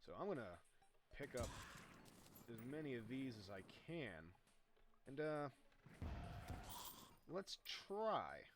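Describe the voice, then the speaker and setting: A young man talks through his gameplay in a loose, rambling way, tossing in jokes and trailing off mid-thought. His voice sits at an ordinary pitch for a man. A steady hiss runs under the whole recording. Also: measured pace, pauses often. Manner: rambling, jokey, excitable at big hits. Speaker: gaming YouTuber. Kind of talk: casual gameplay commentary.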